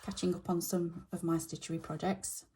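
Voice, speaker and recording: A middle-aged woman talks her way through her stitching in a relaxed, rambling way, full of ums and small pauses. Her voice sits a little low, mellow and dark. It is slightly husky and croaky. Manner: chatty, halting with many fillers. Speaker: stitching vlogger. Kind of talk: casual narration while stitching.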